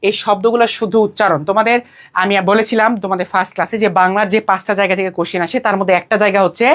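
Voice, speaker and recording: A woman teaching a grammar class for an admission exam, speaking. She asks questions and answers them herself. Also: medium pitch. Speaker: admission test Bangla tutor. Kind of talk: online exam-prep lecture.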